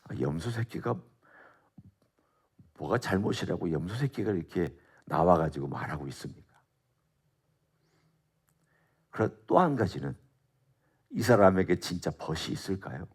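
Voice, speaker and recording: A man's voice: sits low, sing-song, unhurried, pauses often, breathy edge. A middle-aged male pastor giving an expository Bible sermon at a dawn prayer service, talking conversationally and asking his listeners questions. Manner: conversational preaching with rhetorical questions.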